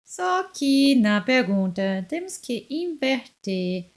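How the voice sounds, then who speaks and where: A woman teaching a beginners' language lesson, explaining step by step in a slow, deliberate way. Her first language is German. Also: sits high, big pitch swings.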